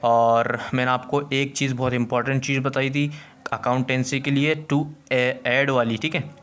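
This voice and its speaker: A man's voice: mid-range voice, little pitch movement, normal speed, fairly bright tone, slight background noise. A man teaching accountancy in a casual video lesson, chatty, repeating himself, with many fillers and restarts.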